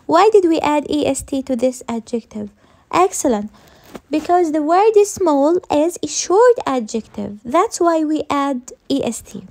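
A woman's voice: high-pitched, a little mellow. A woman teaching English grammar in a recorded lesson, repeating each rule and answering her own questions.

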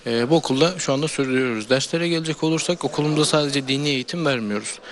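A teenage boy, a high school student, giving earnest, speech-like answers in an interview, with many hesitations. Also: rapid-fire. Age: teens.

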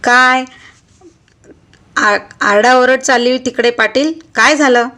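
A woman's voice: fairly high pitch, normal speed, bright, forceful tone. A woman voicing a smart young male police officer in charge, firm and commanding.

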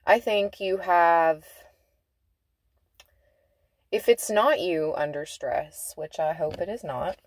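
Woman tarot reader in a car, unhurried and lowish, chatty with drawn-out emphatic words; dry close sound. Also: dry recording. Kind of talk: casual tarot reading. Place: inside a car.

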